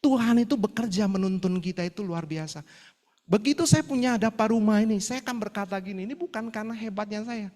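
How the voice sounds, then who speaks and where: Male evangelist, high voice, animated testimony sermon, reverberant hall. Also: fairly quick. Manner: animated storytelling, acting out prayers and dialogue. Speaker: evangelist preaching at a prayer fellowship. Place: fellowship hall.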